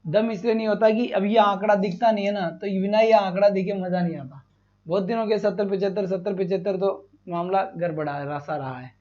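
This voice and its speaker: A man with a fairly high voice teaches a live online exam-prep class in a chatty, repetitive way, asking a question and then answering it himself. He tells off students who come late. The stream audio sounds somewhat dull and lo-fi. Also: fairly quick, a little mellow.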